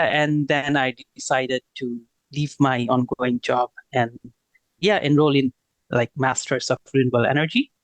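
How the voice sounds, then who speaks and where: A Bangladeshi renewable energy consultant in his thirties speaks as an interview guest, casual and full of fillers and restarts. His voice sits in the mid range, and the rough recording carries no room sound.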